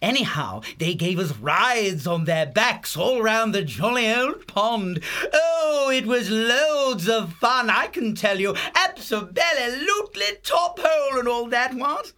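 A man's voice: very high-pitched, lively intonation, takes it slowly, few pauses, pushed and bright, voice pushed up, exaggerated voice. A man voicing a greedy, posh young male hare who chatters in plummy upper-class slang. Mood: scheming.

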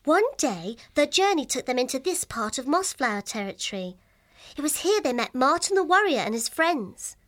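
A woman voicing a gentle, kind young female hare who tells stories in a well-spoken way. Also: sits high, big pitch swings, normal speed.

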